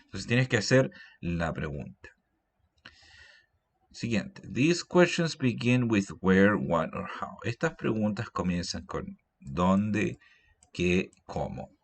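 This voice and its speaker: A man teaches English grammar in a very deep voice. He takes his time, going over each example sentence slowly and patiently. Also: big pitch swings. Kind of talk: grammar lesson explained in Spanish.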